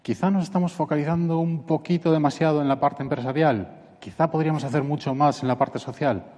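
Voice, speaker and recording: Speaking a little fast in a higher register, this man from Barcelona has a Catalan Spanish accent. He's giving a conference talk, animated, acting out quotes in a mocking voice, and the hall makes the recording echoey.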